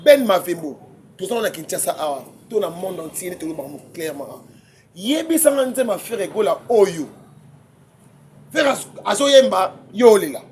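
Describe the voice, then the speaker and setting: A man, debating music as a guest commentator, excitable and quick to laugh, often repeating his words. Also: sits high, slight background noise. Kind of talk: heated casual debate.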